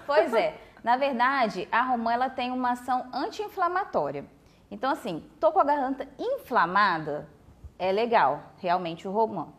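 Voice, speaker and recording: With lively intonation and a voice on the high side, a Brazilian Portuguese-accented woman speaks at normal speed in a TV studio. She's a speech therapist on a talk show, patiently explaining voice care and using lots of fillers like "né" and "tá."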